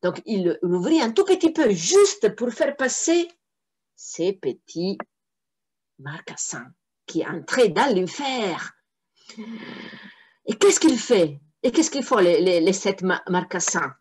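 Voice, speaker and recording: A woman reading a fairy tale aloud for children, often pausing to explain words to her listeners. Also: medium pitch, sing-song, darkish tone, breathy edge. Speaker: storyteller.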